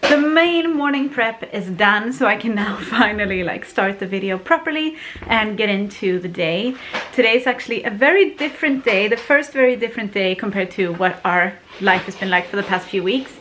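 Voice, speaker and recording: A Swedish family vlogger in her thirties, whose first language is Swedish, chats casually indoors at home to a handheld camera held at arm's length. Her mid-range voice is a bit bright and moves at a moderate pace, she laughs often between words, and there is a little hiss or hum.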